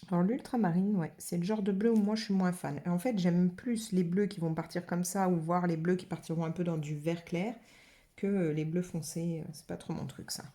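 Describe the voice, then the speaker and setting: A woman's voice: fairly low pitch, fairly even intonation, moderate pace, warm tone. A French woman hosting a watercolour channel, chatting casually with many fillers as she paints color swatches. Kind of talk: casual art demo narration.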